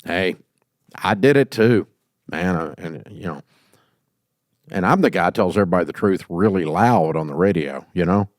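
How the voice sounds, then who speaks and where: A middle-aged man hosting an advice show, talking emphatically and folksily and jumping into loud acted quotes. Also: low-pitched, lively intonation, normal speed, pauses often, no echo, studio quality. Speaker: host giving leadership advice. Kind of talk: call-in advice talk.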